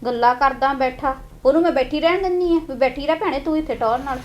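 A woman playing a sharp-tongued wife who scolds her husband sarcastically. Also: sits high, fast, reverberant, a little hiss or hum, natural voice. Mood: scolding. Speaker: nagging wife in a family drama.

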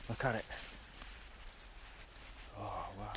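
A vlogger speaks in a fairly low, slow voice over background noise, chatting casually and thinking aloud as he explores a forest. He records on a phone held at arm's length.

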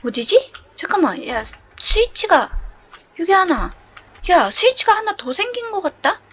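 Woman streamer, horror game playthrough, high voice that swings a lot, jumpy and chatty. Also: very animated, normal speed. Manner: chatty, jumpy, lots of nervous laughter. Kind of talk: horror game let's play.

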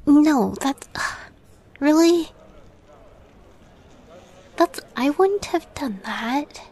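A woman voices a shy young catgirl roommate in intimate roleplay audio, halting and nervous yet playful, often dropping to a near whisper. Here she sounds flustered, with a high, animated, heavily acted voice.

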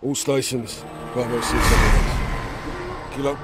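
A man playing a gruff, weary, commanding British special forces captain in a video game cutscene, with a gravelly voice. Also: medium pitch, fairly even intonation, unhurried, close to an everyday voice. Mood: focused. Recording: dramatic music behind.

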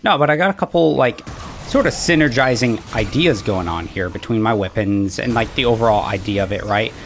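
A man with a lowish voice talks through a video game build in a loose, rambling way, tossing in "like" and "right?" as he goes. He sounds a little out of breath after a workout. A faint hum of ambience sits under the recording. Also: lively intonation, brisk. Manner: chatty, rambling, frequent fillers and "right?" asides. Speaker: gaming channel host. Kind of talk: casual gameplay commentary.

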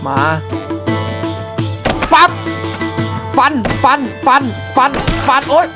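A man giving excited live gameplay commentary, often exclaiming and repeating words in rapid bursts. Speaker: game streamer. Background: loud music.

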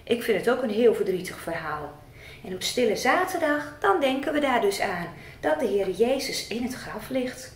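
Woman children's worker, lively high voice, storytelling in an echoey church. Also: normal speed, a little hiss or hum. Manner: animated, gentle, addressing children. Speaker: children's service leader.

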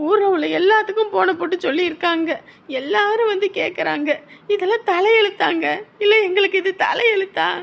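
A woman's voice: extremely high pitch, gravelly. A woman playing a wronged young wife, complaining in a tearful, accusing voice in a family drama. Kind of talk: melodramatic web-series acting.

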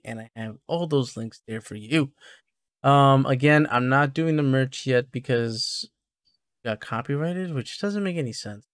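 A man hosting a podcast, agreeing with his co-host and briskly listing links and plans in casual chat. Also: mid-range voice, dry recording, clean studio sound.

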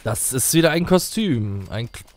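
A man's voice: medium pitch, very animated, moderate pace, a little hiss or hum. A man giving casual, colloquial let's play commentary, musing to himself as he goes.

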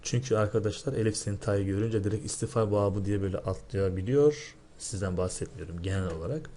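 A male teacher with a somewhat low voice goes over exam answers in a recorded lesson. He explains each point step by step, often stopping to ask rhetorical questions. Faint noise sits under his voice. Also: fairly quick, mellow. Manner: recites word forms in a drilled, chanting rhythm.

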